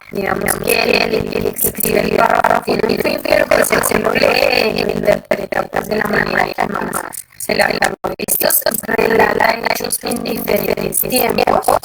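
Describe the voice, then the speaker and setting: Gravelly teacher over loud music. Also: a bass voice, poor audio. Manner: checks in constantly with short questions, halting with fillers. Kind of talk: live online class lecture.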